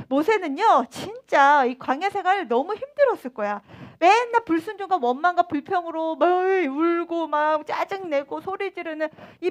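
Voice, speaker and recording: A woman's voice: very high-pitched, fairly bright tone. A woman giving a sermon to children as their preacher, quizzing them and acting out the scenes as she goes.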